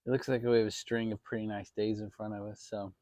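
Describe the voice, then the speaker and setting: A casual male vlogger from Maryland chats to viewers from a shaded backyard, easygoing and rambling, with the odd salty remark. His voice is lowish, mellow, and quick, with little pitch movement, and the sound is dry with no echo.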